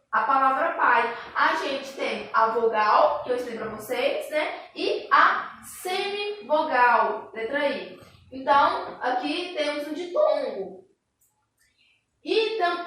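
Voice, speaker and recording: Woman teacher, high voice, patient drilling delivery; distant mic in a very echoey room. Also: a bit bright, slight background noise. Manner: patient, repeats examples slowly, tag questions. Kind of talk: online grammar lesson.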